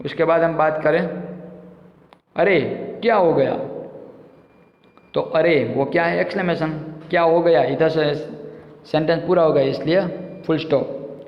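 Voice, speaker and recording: A male teacher works through a grammar lesson in a patient way, repeating points and asking the class questions. His voice sits fairly high. The sound is dull and lo-fi, with a long echo from the room. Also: steady tone, moderate pace. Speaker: school teacher. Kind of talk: explaining a Hindi grammar lesson.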